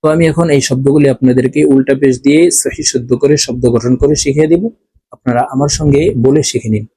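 Male recitation teacher, Bangladeshi accent, mellow tone, dry close sound, spells out syllables slowly. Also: mid-range voice, fairly even intonation, breathy edge, no room sound. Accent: Bangladeshi Bengali. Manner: slow drawn-out syllable drills, repeating each word. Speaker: Quran reading teacher. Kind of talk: step-by-step recitation lesson.

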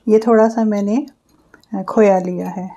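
A woman hosting her cooking channel, calmly explaining each step of a recipe as she cooks in her home kitchen. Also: mid-range voice, a little slow, dull audio.

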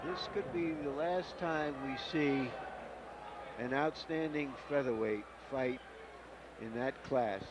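A man's voice: medium pitch, slow pace, heavy background noise. A man giving analysis as a commentator on a boxing broadcast. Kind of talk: sports commentary.

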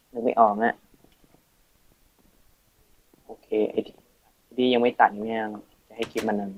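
A man's voice: lowish voice, creaky, a little hiss or hum, poor audio. A teenage boy casually talking through a game tutorial, thinking aloud and muttering as he plays. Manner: chatty, thinking aloud, counting and muttering while playing. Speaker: Minecraft let's play host. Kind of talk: casual gameplay tutorial commentary.

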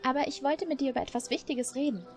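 A woman's voice: quick pace, natural voice. A woman voicing a stubborn, eager young girl in a game, speaking earnestly in a raised voice. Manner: earnest, pleading, raised pitch. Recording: faint music behind.

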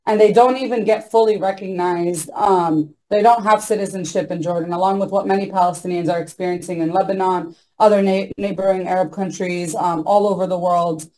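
This young woman's lowish, warm voice moves fairly quickly with few pauses and a fairly even intonation. She's a panelist on a video call from a small room, and the laptop mic yields a rough recording. Earnest and insistent, she leans on ums and you-knows throughout her impassioned remarks.

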